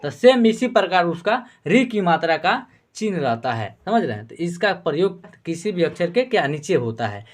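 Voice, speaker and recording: A man's voice: high voice, very animated, moderate pace, few pauses. A male teacher explaining a lesson patiently, repeating points and addressing viewers as friends.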